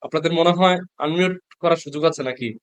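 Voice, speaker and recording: This man's voice sits a little high and moves at a quick pace, clean and free of any room sound. He leads an online Quran reading lesson over a video call, patiently pronouncing each Arabic letter and saying it again for the learners.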